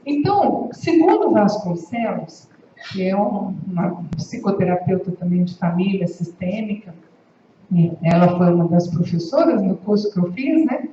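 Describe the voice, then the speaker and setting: A woman's voice: medium pitch, very animated, moderate pace, warm tone. A woman giving a conversational university lecture, often checking in with her listeners. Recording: echoey hall, distant, dull, faint hiss.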